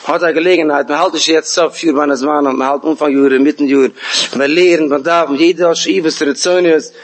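A man telling a folk tale in an animated way, often repeating words and voicing the figures' lines himself. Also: a little high, fairly quick.

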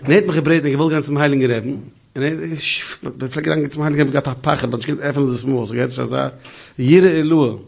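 Guy with a raspy gravelly voice telling a story, stops and restarts a lot. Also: medium pitch, fairly even intonation. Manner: halting, with frequent restarts and repeated words. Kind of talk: casual storytelling.

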